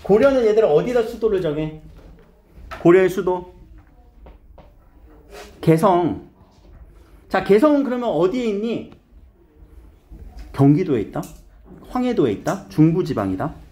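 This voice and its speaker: Male classroom teacher, lively pitch, coaxing questions at students, repeats key terms. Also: a little slow, long pauses. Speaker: high school Korean teacher. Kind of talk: classroom grammar lesson.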